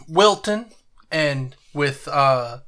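A man's voice: a little high, expressive, very slow, vocal fry, sharp tone. A man rambling and swearing casually in a chat with friends.

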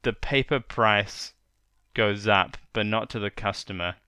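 A man's voice: lowish voice, unhurried, bright, forceful tone, smooth, no room sound, studio quality. A man co-hosting a casual chat, reviewing a movie in a joking, opinionated way. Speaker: podcast co-host.

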